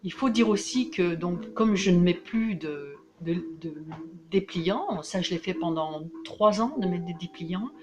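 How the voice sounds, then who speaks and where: A woman from France talking in a casual vlog monologue, excitable and emphatic, with frequent restarts. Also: fairly low pitch, a little slow, highs cut off, noisy background. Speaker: vlogger.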